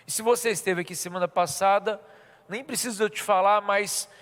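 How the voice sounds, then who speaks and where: A man's voice: high voice, fairly even intonation, brisk, a bit bright. A man with a Brazilian Portuguese accent from Minas Gerais, preaching a sermon and telling a personal story, acting out the people in it. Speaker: pastor. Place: church. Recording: reverberant church hall.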